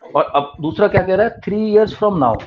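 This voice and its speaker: A man's voice: high-pitched, measured pace. A male maths tutor teaching an online class, mixing Hindi and English and explaining step by step with repeated key terms. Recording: dull lo-fi online class audio.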